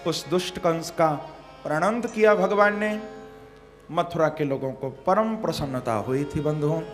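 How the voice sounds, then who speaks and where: A man's voice: on the high side, measured pace, soft background music. A man telling a devotional Bhagavat story as a sermon, acting out its scenes dramatically. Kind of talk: devotional katha sermon with sung couplets.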